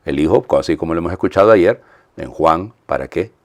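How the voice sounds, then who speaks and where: A priest preaching a homily in a low, deep voice. He explains things conversationally, pausing on fillers and checking in with his listeners, and he lifts his voice to stress key words. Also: expressive, darkish tone. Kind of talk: weekday homily.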